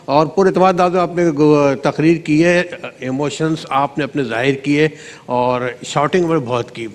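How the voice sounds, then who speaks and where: A man's voice: fairly high pitch, steady tone, long reverb tail. A man judging a children's speech contest, giving rambling but encouraging feedback to each contestant in turn. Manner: rambling, encouraging, addresses kids as "beta". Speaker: competition judge.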